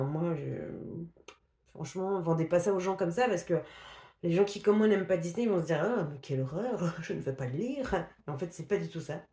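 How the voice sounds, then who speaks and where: In a reverberant space, this woman talks through her recent reads in a relaxed book-review chat. Her voice sits lowish and a little mellow, and she rambles with fillers, false starts and giggles.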